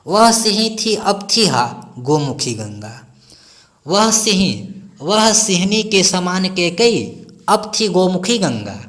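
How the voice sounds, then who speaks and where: Slow, animated male poetry teacher. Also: sits high. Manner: recites each verse, then paraphrases it slowly. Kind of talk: explaining a Hindi poem line by line.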